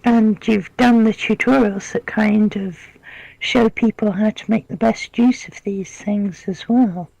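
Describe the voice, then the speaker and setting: A woman interviewing a guest, asking questions in a measured way with soft backchannels. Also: medium pitch, fairly even intonation, gravelly, no room sound, rough recording.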